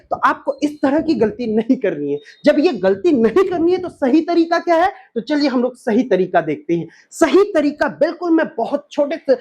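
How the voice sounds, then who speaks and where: A man's voice: very high voice, darkish tone, lo-fi sound. A man teaching an exam-prep grammar lesson, who asks questions and answers them himself, repeats key points and spells words out letter by letter.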